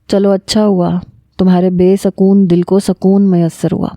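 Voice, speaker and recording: A woman reading the lines of a calm, level-headed young woman who speaks with composure. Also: medium pitch, no echo, studio quality, close to an everyday voice. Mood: composed.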